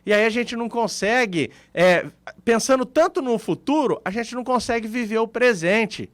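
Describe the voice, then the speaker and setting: High-voiced Brazilian man talking radio. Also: normal speed, dry recording. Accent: Brazilian Portuguese. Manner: conversational, explains with everyday examples. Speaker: radio show co-host. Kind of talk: casual radio talk.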